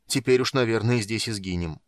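A man voicing a big, strong warrior who bellows gruffly out of worry for his brother. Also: lowish voice, brisk, no echo, natural voice. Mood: grumbling.

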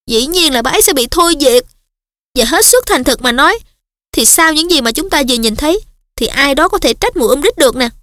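A woman voicing an anxious, high-strung teenage schoolgirl in an audiobook. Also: lively intonation, fairly quick, fairly bright tone, no echo, studio quality. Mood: upset. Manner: fretful, high-strung, insistent.

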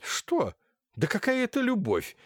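A man's voice: on the high side, huge pitch swings, normal speed, darkish tone, no room sound, pitched above the performer's own voice. A man voicing a domineering, scheming older noblewoman in an audiobook, by turns wheedling and hissing. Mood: scornful. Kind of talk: audiobook character voice. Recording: dry close studio sound.

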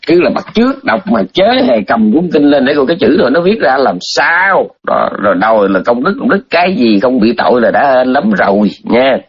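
Husky man giving a dharma talk. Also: medium pitch, expressive, brisk, hardly any pauses. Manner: chatty, teasing, repeats points with emphatic asides. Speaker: Buddhist dharma teacher. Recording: dull lo-fi recording.

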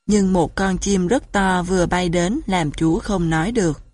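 Female audiobook narrator, husky tone, steady storybook reading, dry close mic. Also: lowish voice, measured pace, dry recording.

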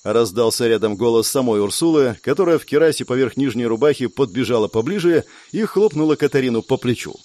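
Brief: male audiobook narrator, expressive, lively intonation. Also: mid-range voice, fairly quick, few pauses. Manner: expressive storytelling.

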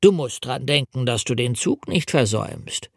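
A man's voice: mid-range voice, expressive, moderate pace, gravelly, slightly rough, no echo, clean studio sound. A man doing an icy old spymaster. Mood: sly. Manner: icy, sly and commanding. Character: cold, calculating old male spy mastermind.

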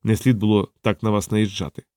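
A man's voice: fairly low pitch, little pitch movement, a little fast, mellow, clean tone, dry recording, clean studio sound, natural voice. A man voicing a blunt, fierce young woman soldier who talks in terse, clipped lines. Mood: hushed.

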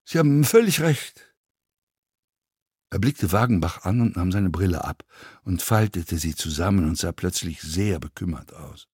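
A man reading an audiobook, voicing a pushy, mocking male fellow passenger who needles without pause. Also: low voice, animated, a little mellow, husky, dry recording, clean studio sound, pitched below the performer's own voice. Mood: needling. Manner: needling, sneering, chatty.

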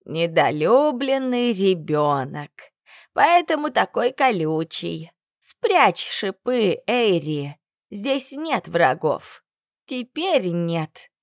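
A woman voicing a kind, sly elderly grandmother who speaks slowly and tenderly, lower than her narrating voice. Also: sing-song, no echo, clean studio sound.

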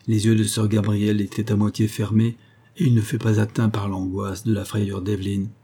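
A man reads a gothic tale aloud in a low, dark voice with a husky grain. His delivery is measured narration for an audiobook. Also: level tone.

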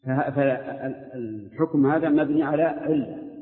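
An older man with a Najdi Arabic accent teaching a class, slowly drilling and questioning his students. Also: medium pitch. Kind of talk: classroom lesson. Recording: tinny old lecture tape in echoey hall.

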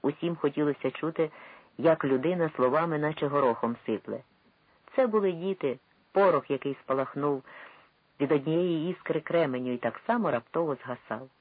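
A man reading a historical novel aloud as narrator, expressive and dramatic. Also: fairly high pitch, normal speed, no echo. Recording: tinny phone-like dry sound.

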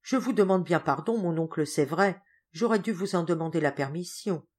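A woman voicing a kind young girl who speaks gently and apologetically. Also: lowish voice, moderate pace, lightly acted. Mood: gentle. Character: young girl, kind, timid before her uncle.

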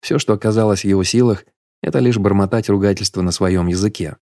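A man narrating an audiobook in a steady, measured storytelling manner. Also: lowish voice, no echo, studio quality.

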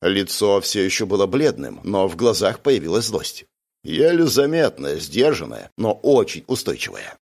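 A man narrating a dark fantasy story with expressive, dramatic delivery. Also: low voice, normal speed, vocal fry. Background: music.

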